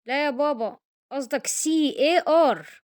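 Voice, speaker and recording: A woman's voice: sits high, moderate pace, darkish tone, close to an everyday voice. A woman playing a cheeky, scheming schoolboy son with an Egyptian accent who rambles through excuses. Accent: Egyptian Arabic. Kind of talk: comedy sketch acting.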